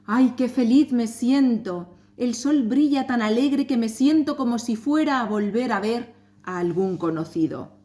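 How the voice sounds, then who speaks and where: A woman's voice: on the high side, measured pace, warm tone, natural voice. Woman voicing a contented, cheerful father.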